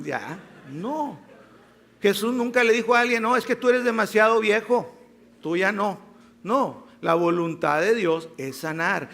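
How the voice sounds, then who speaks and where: A man preaching a church sermon, lively, acting out quoted voices and repeating words for emphasis. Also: high voice, creaky.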